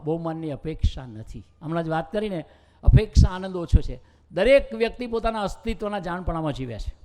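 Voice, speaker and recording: A man with a Gujarati accent preaches a sermon in a high, mellow voice. He tells stories and voices the people in them. The sound rings with a long hall reverb. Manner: storytelling, acting out dialogue in quotes. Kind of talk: sermon with storytelling.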